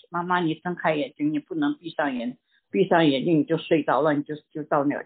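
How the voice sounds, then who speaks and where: An older woman giving a personal church testimony in a halting way, repeating words and dropping in English words. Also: sits low, vocal fry, breathy edge. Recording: tinny phone-like recording.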